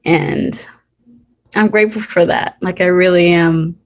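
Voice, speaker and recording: Earnest young woman, heartfelt and halting. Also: on the low side, steady tone. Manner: earnest and heartfelt, many fillers and restarts. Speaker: guest, actor. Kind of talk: casual interview.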